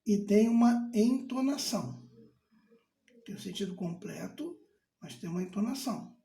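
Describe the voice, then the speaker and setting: A man teaching grammar in a casual, deliberate way, repeating key terms and answering imagined student questions. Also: sits high, expressive, creaky, dark tone. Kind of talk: casual explanatory lesson. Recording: roomy echo.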